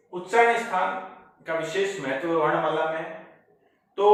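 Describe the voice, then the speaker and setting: Male teacher, slightly high voice, unhurried step-by-step lecture delivery; heavy room echo, mic placed at a distance. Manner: slow, deliberate, spells out each part. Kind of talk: slow classroom lecture. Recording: echoey room, voice far from mic.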